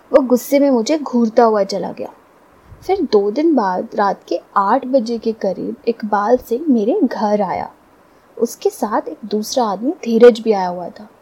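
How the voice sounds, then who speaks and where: Woman narrating a story in a husky voice. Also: fairly high pitch, poor audio. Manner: steady, confiding, addresses listeners.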